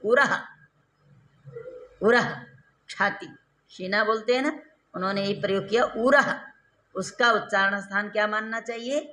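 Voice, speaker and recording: Male teacher, classroom lecture, slow deliberate pace, repeats terms, asks rhetorical questions. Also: high-pitched, pushed and bright, slight background noise. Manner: slow, drawn-out stressed syllables when explaining. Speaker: Sanskrit grammar teacher.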